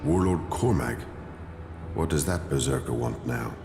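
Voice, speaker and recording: Deep-voiced haughty cleric, echoing hall. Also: male voice, animated, a little slow, gravelly, exaggerated voice. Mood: formal, measured. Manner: formal, condescending. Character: stern, haughty male cleric leader, formal and measured. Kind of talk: video game dialogue. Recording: echoey hall reverb, music underneath.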